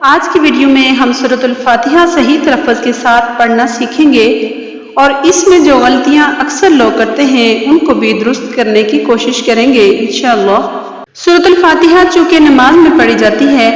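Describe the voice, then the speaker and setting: A woman teaching Quran recitation, explaining calmly and chanting phrases slowly with drawn-out vowels. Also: high voice. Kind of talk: recitation lesson. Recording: echoey reverberant room.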